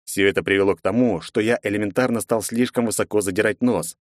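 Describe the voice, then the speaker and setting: A man narrating a fantasy audiobook in the first person, measured and reflective. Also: on the low side, no room sound, clean studio sound.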